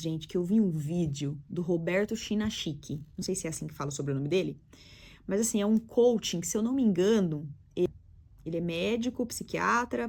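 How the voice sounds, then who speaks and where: Candid Brazilian woman telling her story. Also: mid-range voice. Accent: Brazilian Portuguese. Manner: candid and emphatic, speaks straight to viewers. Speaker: vlogger. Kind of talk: confessional personal storytelling.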